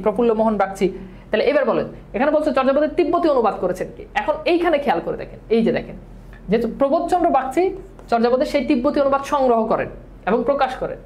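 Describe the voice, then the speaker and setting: Fast-talking teacher drilling questions. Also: male voice, very high voice, darkish tone. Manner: drills questions and answers repeatedly; talks fast, as he admits. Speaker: exam-prep teacher. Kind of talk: online exam-prep lecture.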